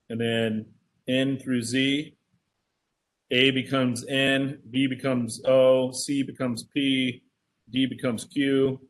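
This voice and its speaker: A man teaching an online class as instructor in a casual, conversational, explanatory way. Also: mid-range voice.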